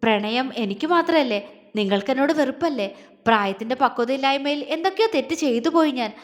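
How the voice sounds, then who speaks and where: A woman's voice: high voice, lively intonation, a little fast, long reverb tail. A woman voicing a tearful, defiant young woman under twenty who argues and sobs. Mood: bitter tearful. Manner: defiant then sobbing.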